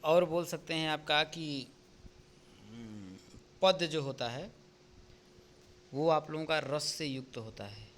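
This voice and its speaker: A male teacher going through an exam paper step by step, often pausing to check with "ठीक?". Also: fairly high pitch, a bit bright. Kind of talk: exam paper walkthrough lesson.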